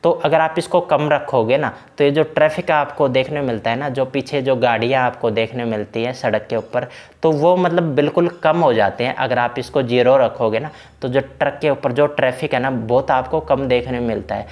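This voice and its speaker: A man's voice: mid-range voice, normal speed, darkish tone. A man giving a casual, chatty walkthrough of a truck driving game's settings, talking the viewer through each option. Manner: chatty, repeats fillers like "na" and "bhai". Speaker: game tutorial creator. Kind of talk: casual screen-recorded game walkthrough.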